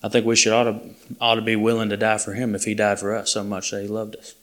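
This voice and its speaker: Man, preaching a sermon, earnest and plain-spoken, slightly low voice. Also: completely flat delivery, fast, fairly bright tone.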